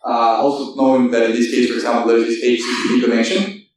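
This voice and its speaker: Man presenting in a booming, echoey hall. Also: level tone, a little hiss or hum. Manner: halting, with many fillers and self-corrections. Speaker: conference speaker. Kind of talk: technical conference presentation. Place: conference hall. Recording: echoey hall, distant mic.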